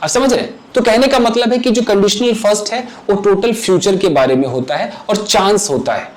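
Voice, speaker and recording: A man with a high voice and moderate pace runs a chatty Hindi-English grammar lesson in his home kitchen, complete with live demonstrations and frequent checks that viewers are keeping up. It's a low-quality recording.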